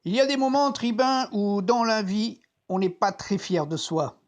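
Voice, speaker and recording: An actor playing a troubled, conscience-stricken Roman centurion, reflecting deliberately in a dramatic biblical monologue as if talking to himself. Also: medium pitch, close to an everyday voice. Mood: uneasy, self-justifying. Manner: introspective, deliberate, theatrical.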